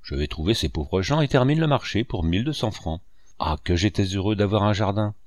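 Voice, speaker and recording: A male narrator reading a first-person memoir in a measured, storytelling manner. His fairly low voice rises and falls with lively intonation. The recording is close and dry, with no room sound. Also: no room sound. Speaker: audiobook narrator.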